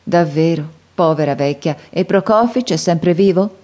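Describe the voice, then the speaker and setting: A woman reading the lines of an earnest young man who gently teases his father, in an audiobook. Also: on the low side, moderate pace, close to an everyday voice.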